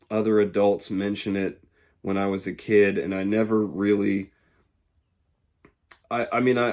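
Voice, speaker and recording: A man in his twenties from Georgia, speaking in a casual, reflective monologue that pauses often to find the words. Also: fairly low pitch, darkish tone. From Georgia, USA. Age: 20s. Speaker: YouTuber.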